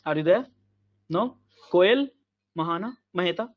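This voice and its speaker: A man teaching an online class over a video call, halting and repetitive with many fillers, heard through low sample rate audio. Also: expressive, lo-fi sound. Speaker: instructor.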